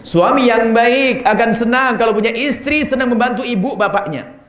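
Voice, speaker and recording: A male preacher giving a sermon to a congregation, animated and acting out little dialogues between husbands and wives. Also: extremely high pitch, moderate pace, roomy sound. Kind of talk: sermon answering questions.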